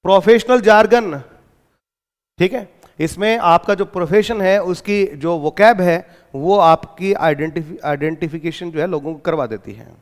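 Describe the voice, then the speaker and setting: High-voiced Indian man teaching in a reverberant room. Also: unhurried. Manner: explanatory, asks and answers his own questions. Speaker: exam-prep English teacher. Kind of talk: lecture in Hindi mixed with English terms.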